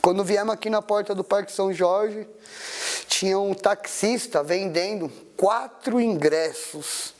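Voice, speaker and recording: A man's voice: high voice, measured pace. A middle-aged man with a São Paulo accent tells a personal story in an interview, emotional and slangy, acting out quoted voices. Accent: São Paulo Portuguese. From Brazil. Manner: emotional, animated, slangy retelling with acted-out quotes.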